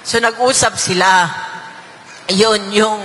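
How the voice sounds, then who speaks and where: A middle-aged woman speaking emotionally to an audience, halting and repeating her words. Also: medium pitch, fairly even intonation, a bit bright, roomy sound, big-room sound, slight background noise. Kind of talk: emotional personal testimony.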